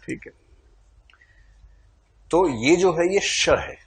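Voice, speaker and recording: A man's voice: high voice, extremely slow. A man teaching a classroom lecture, playfully quizzing his students and calling on them to answer.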